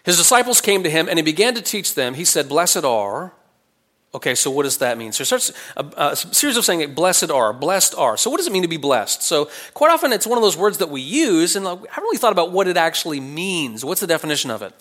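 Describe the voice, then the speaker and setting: Preaching fairly quickly with big pitch swings, a high-leaning male voice reads scripture verses and unpacks them in a conversational way. He poses questions and answers them, alternating emphatic lines with softer asides.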